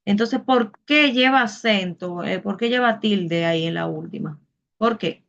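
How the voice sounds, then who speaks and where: A woman's voice: mid-range voice, measured pace, vocal fry, a bit bright. Patient woman teacher on a dull call. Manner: patient, explains step by step with questions. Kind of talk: online Spanish class.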